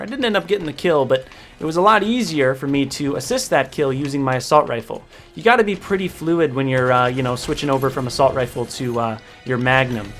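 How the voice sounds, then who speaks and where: A man giving casual, energetic gameplay commentary and tips, talking directly to his viewers. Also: medium pitch. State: jittery from caffeine. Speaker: gaming YouTuber.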